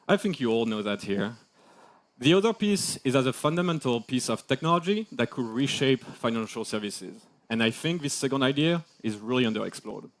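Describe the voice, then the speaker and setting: Male keynote presenter, French accent, lively pitch, playful and engaging. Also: fairly quick. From France. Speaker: crypto executive presenter.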